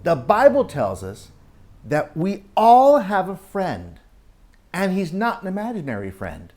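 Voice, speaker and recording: A man whose voice sits high brings Bible talk and stories to young children. His animated storytelling features dramatic pauses and questions directed at his listeners.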